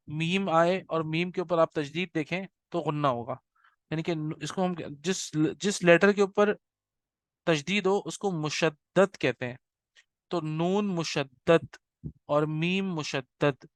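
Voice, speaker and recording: Clear-voiced male recitation teacher. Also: on the high side, no echo. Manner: patient, checks understanding often with "right?"; demonstrates slow drawn-out nasal recitation. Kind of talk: explanatory class lecture.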